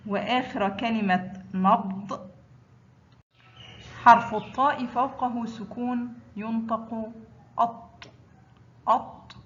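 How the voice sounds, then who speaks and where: A woman teaches pronunciation at a very slow, deliberate pace. She says each sound and word twice with careful stress. The recording is a little dull, with a faint hiss behind her. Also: mid-range voice. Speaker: Arabic teacher. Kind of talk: slow, drilled pronunciation lesson.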